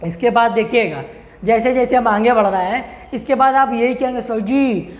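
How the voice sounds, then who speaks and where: An online English lesson is led by a man whose voice is very high and whose speed is normal. He fires questions at the class and answers them himself to drill each idea, heard through roomy echo, faint hiss, and dull lo-fi sound.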